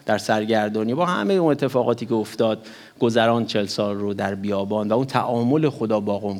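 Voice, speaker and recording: A man delivers a sermon in a teaching voice at an ordinary middle pitch. He preaches with animated emphasis, rising sharply on key words, and mixes a few English terms into his speech. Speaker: pastor.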